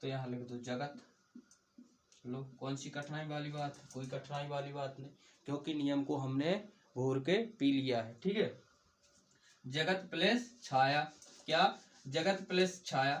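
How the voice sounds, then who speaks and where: A man's voice: medium pitch, steady tone, normal speed, distant mic. A man teaching a grammar lesson. He keeps asking his students short questions, answers them himself, and repeats each point. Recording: echoey room.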